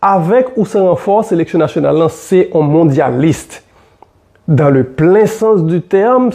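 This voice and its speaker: A man with a Haitian accent delivers solo football commentary in a somewhat high, gravelly voice. His tone is warm and mellow rather than bright. He talks animatedly, repeating himself and filling pauses as he works through each point.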